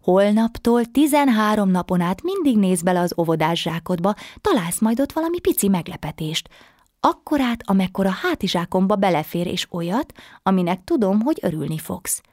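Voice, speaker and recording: An eager, kindly little butterfly-winged fairy from a bedtime storybook, as a woman reads her part, speaking in a soft, breathy voice that sits a touch higher than her low narration. The sound is close and dry, with no room around it. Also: sing-song, no echo. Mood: cheerful. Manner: bright, encouraging, eager. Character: small cheerful helpful kindergarten fairy with butterfly wings.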